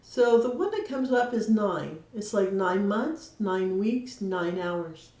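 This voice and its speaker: A woman's voice: medium pitch, lively intonation, slow pace, darkish tone. Heartfelt lady doing a card reading livestream, roomy echo around her voice. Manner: earnest, emotional, talks directly to a viewer. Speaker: card reader and medium. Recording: echoey room.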